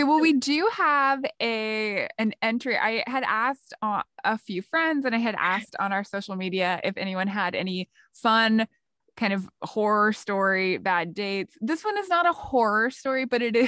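A woman's voice: fairly high pitch, a bit bright, dry recording, studio quality. A woman co-hosting a podcast, chatting casually and laughing often as she tells and reads out stories. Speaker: podcast co-host. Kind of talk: casual chat.

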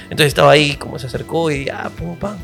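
A Peruvian man hosts a casual podcast and tells stories with crude jokes and frequent laughter. His voice sits high and sounds bright. Faint music runs underneath. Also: quick pace, gravelly. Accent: Peruvian Spanish. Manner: animated, laughing, crude joking. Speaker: podcast host. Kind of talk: casual storytelling chat.

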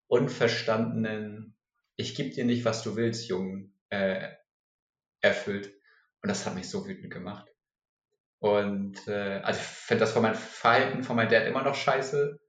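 A man's voice: lowish voice, fairly even intonation, unhurried. Candid man in a roomy room. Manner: candid, searching, mimics others' voices. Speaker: guest sharing personal struggles. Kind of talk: emotional personal conversation. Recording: roomy echo.

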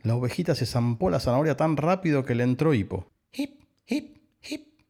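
A man reading a children's story aloud, slowly and with gentle expression. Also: mid-range voice, lively intonation.

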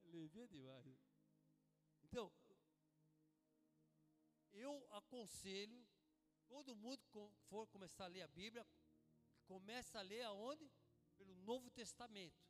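A man preaching a sermon at a church service, energetic and conversational, using slang and calling out to his congregation. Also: sits high, unhurried, long pauses. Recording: long church-hall reverb with music.

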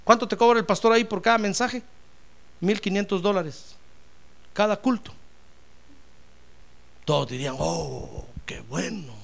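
A man preaching a sermon as pastor, joking with listeners as brothers and swelling into loud cries of praise before dropping to quiet asides. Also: high voice, unhurried, creaky, pauses often. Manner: humorous, addresses listeners as brother.

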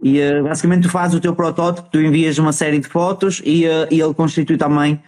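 A man with a European Portuguese accent hosts a relaxed chat. His pitch sits a little high, and his delivery is informal and halting, with some slang. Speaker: host. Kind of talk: casual chat.

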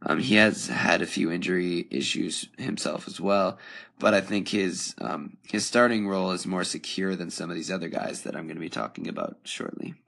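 A young man hosting a solo podcast in a casual, thinking-aloud way with frequent ums, his voice wearing thin and slightly hoarse. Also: sits low, moderate pace, a bit bright. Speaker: podcast host.

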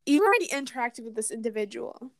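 A woman's voice: fairly high pitch, animated, quick pace, dry recording. A young woman as a podcast guest, teasing her friend in blunt casual chat.

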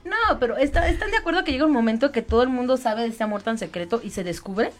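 A woman's voice: on the high side, expressive, quick pace. A woman co-hosting a casual radio chat show, laughing often and turning to her listeners with questions. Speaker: radio co-host.

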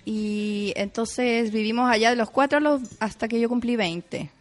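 A woman with a Chilean accent, talking casually in an interview, chatty, full of fillers and quick to laugh. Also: fairly high pitch. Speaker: guest.

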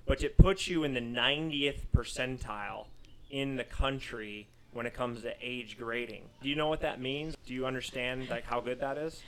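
A man's voice: mid-range voice, moderate pace, a little hiss or hum, rough recording. A man in his thirties with a Southern US accent, hosting a running podcast in a studio, reading race results and then chatting with fillers. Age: 30s. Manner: reads a long list of race results, then chats with fillers. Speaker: podcast host and running coach. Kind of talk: podcast chat with a scripted intro.

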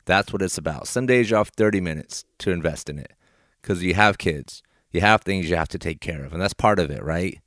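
A man with a low voice gives a motivational monologue straight to the listener. He keeps it subdued, like someone recording at night while the household sleeps. The sound is dry, with little room around it. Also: brisk, a bit bright, dry recording. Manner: encouraging, addresses listener directly. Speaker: podcast host. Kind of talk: motivational affirmations podcast monologue. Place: small plastic play structure in a garage, padded with towels and blankets.

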